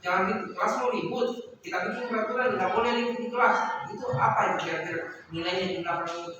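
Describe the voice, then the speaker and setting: A man's voice: sits high, very fast, lo-fi sound. A male teacher, patiently explaining to a class, repeating points and asking questions. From Indonesia. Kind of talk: classroom instruction. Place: school classroom. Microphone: far camera mic. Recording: echoey noisy classroom from far off.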